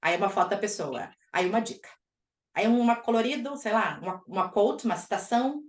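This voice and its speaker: A woman hosting a podcast, chatting casually with an energetic, emphatic delivery. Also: medium pitch, fairly quick. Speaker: podcast host. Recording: echoey room.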